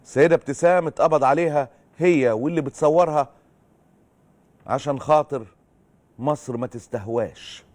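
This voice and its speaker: A man's voice: medium pitch, darkish tone. A middle-aged Egyptian man hosting a political commentary show, sarcastic and indignant in his narration. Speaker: host.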